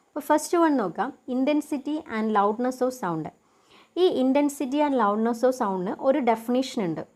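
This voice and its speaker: A woman's voice: on the high side, darkish tone. Woman teacher quizzing herself aloud. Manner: asks and answers her own questions; reads English definitions slowly. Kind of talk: lecture explaining a topic.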